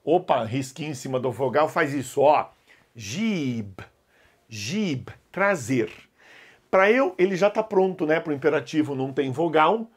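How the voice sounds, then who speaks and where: A man's voice: on the high side, animated, moderate pace, slightly rough. A man teaching an online language lesson, coaxing his students to repeat words aloud. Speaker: Arabic teacher.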